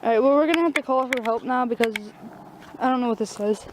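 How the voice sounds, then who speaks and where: A young woman vlogging on a phone outdoors by a waterfall, excitable and breathless as she talks. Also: high-pitched, fast. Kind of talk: casual outdoor vlog. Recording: noisy outdoor phone recording.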